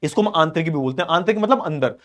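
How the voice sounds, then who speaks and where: A man's voice: on the high side, expressive, fast. A male teacher giving an exam-prep lecture who repeats key terms, asks rhetorical questions and explains while drawing on a board.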